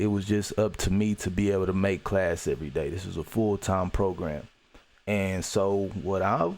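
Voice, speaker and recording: Male podcast host, low voice, earnest reflective storyteller, loose delivery that repeats phrases for emphasis. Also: darkish tone. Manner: loose, with many "you know" fillers and restarts.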